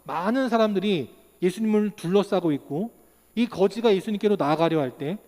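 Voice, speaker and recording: A man's voice: high-pitched, a little fast. A man in his thirties preaching a sermon as pastor, asking rhetorical questions and acting out the people in his stories. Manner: animated preaching, acts out quotes, rhetorical questions. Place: church sanctuary. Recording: long reverb of a church hall.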